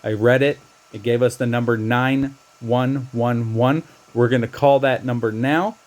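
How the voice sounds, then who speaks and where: A man's voice: medium pitch, fairly even intonation, unhurried. A man casually talking through a video game walkthrough in a chatty way, with restarts and slang. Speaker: gameplay walkthrough narrator.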